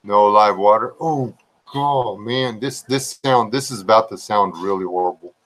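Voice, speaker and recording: A man with a drawl rambles casually with his live stream viewers, drifting from story to story. His fairly low voice moves slowly and evenly, calm enough that viewers find it either relaxing or boring.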